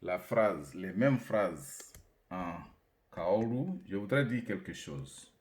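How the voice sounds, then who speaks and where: A man giving a lecture on a new alphabet, speaking slowly and deliberately and repeating syllables to demonstrate their sounds and tones. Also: low voice, animated. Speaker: language teacher presenting an alphabet. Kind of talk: lecture with slow syllable-by-syllable reading drills.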